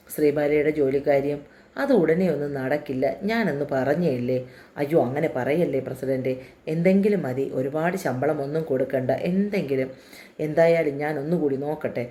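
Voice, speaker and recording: A woman's voice: sits low, moderate pace, warm tone, close to an everyday voice. A woman reading a story, voicing a bold, chatty village woman who teases and coaxes. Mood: pleading. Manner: bold, teasing, coaxing.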